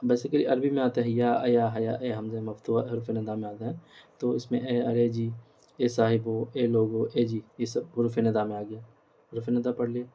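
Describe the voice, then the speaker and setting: Guy teaching a grammar class, slow and steady, flat mellow voice, says every term twice. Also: medium pitch, dull audio. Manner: explains step by step, repeats terms and examples.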